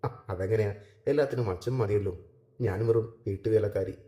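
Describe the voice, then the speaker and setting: A man voicing a hurt young woman in her twenties who snaps back bitterly, in a low, mellow voice, recorded in an echoey room. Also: fairly even intonation, fairly quick, close to an everyday voice.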